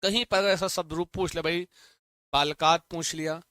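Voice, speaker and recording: A man teaching a Sanskrit lesson online, chanting word forms in a steady rhythm and urging students to repeat them aloud. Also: a little high, moderate pace, clean tone, dry recording. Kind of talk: online exam-prep lesson.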